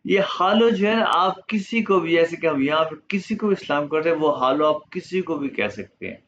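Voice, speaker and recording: A man whose first language is Urdu, teaching a German lesson slowly and patiently, repeating each word for his students. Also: on the high side, animated, a bit bright, highs cut off, slight background noise.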